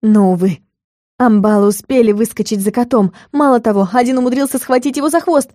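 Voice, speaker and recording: Woman reading a lively fantasy audiobook. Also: a little high, brisk, dry recording, studio quality. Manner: lively storyteller who voices every character. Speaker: audiobook reader. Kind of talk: first-person fantasy audiobook narration.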